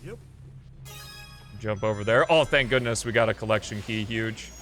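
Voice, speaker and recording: A livestream host gives relaxed, meandering commentary while he plays, voicing his thoughts informally over video game music. He has a fairly low, fairly bright male voice and speaks at a moderate pace.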